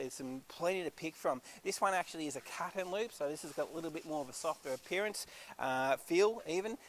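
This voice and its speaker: A man's voice: on the high side, slight background noise. Upbeat man selling warehouse carpet. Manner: chatty, upbeat sales patter. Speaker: auctioneer. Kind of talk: walkthrough of auction stock. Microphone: handheld camera, filming while walking.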